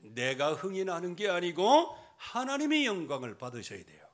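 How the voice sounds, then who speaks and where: A middle-aged male pastor preaching a sermon in church, swinging from loud emphasis to quiet asides. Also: sits high, big pitch swings, normal speed. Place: church sanctuary.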